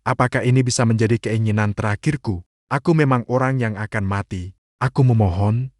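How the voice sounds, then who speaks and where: A man's voice: lowish voice, fairly quick, no room sound, close to an everyday voice. Brief: pleading dying young woman in a story recap, read by a man, dry close voice.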